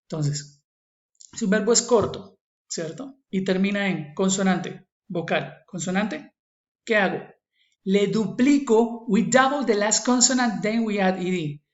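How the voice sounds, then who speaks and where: A man's voice: sits high, measured pace. Patient Colombian man teaching grammar. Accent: Colombian Spanish. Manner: patient, repeats each rule, checks in with "¿vale?" and "¿listo?". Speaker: English teacher. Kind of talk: recorded online lesson. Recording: echoey, slightly dull screen recording.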